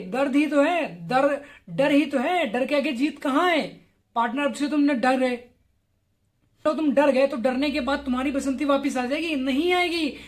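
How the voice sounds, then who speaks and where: A woman giving a blunt, crude motivational monologue about breakups, firing off rhetorical questions and mocking the listener. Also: sits high.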